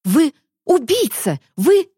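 A woman's voice: high voice, very animated, takes it slowly, warm tone, dry recording, clean studio sound, voice pushed up, heavily acted. A woman voicing a frightened but defiant young woman who answers with indignant outbursts in an audiobook. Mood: horrified.

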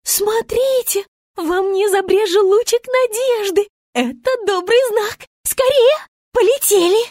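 A woman's voice: very high-pitched, animated, measured pace, dry recording, studio quality, voice pushed up. A woman voicing a dramatic, haughty female star who talks in a theatrical, wailing, bossy way.

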